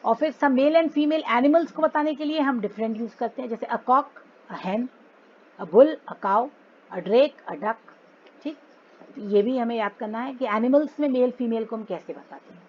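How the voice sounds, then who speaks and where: A woman's voice: fairly high pitch, measured pace, lo-fi sound. A woman teacher explaining grammar to schoolchildren, mixing Hindi and English and repeating words for them to memorize.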